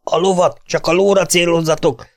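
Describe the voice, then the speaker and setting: Picture a male reader doing a gruff bandit leader in a Western audiobook, bellowing commands at his riders in a raised, gravelly voice. The sound is close and dry. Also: medium pitch, no room sound, pitched above the performer's own voice, lightly acted. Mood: angry. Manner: shouting orders.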